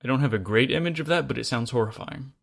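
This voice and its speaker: A man co-hosting a podcast in casual chat, with a dry, deadpan humor. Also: medium pitch, fast talker, gravelly. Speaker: podcast co-host.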